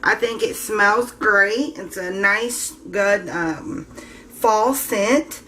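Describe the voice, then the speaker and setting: A woman who runs a soap-making channel demonstrates and cuts her soap while chatting casually with viewers, calling them guys. Her mid-range voice has a sharp tone and she speaks extremely slowly, with slight background noise.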